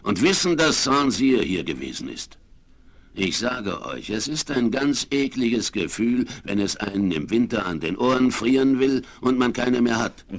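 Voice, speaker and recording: An actor in a German radio play playing a gruff, vengeful frontiersman with a rough voice and hearty, old-fashioned talk. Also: mid-range voice, sing-song, measured pace. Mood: grim, vengeful. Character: gruff, vengeful frontiersman who hunts his enemies. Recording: 1970s vinyl radio play.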